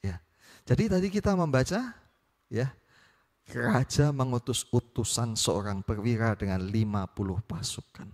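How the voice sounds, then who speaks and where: A man's voice: mid-range voice, measured pace, a little mellow. A male preacher, reading scripture and teaching with frequent questions to his listeners. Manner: questioning, repeats "ya" often. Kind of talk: Bible reading and sermon. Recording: echoey hall.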